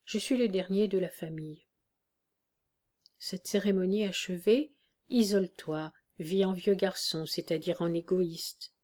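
A dying old soldier, calm and firm even at the end, as a woman reader speaks him. The voice is low and hushed, and the lines unfold very slowly, with a quiet wry edge. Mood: weary, tender. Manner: weak, hushed, steady.

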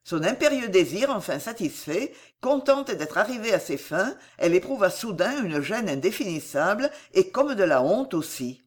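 Lively French audiobook narrator. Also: mid-range voice, normal speed, hardly any pauses. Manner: expressive, lively storytelling. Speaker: audiobook reader. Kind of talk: scripted narration of a classic novel.

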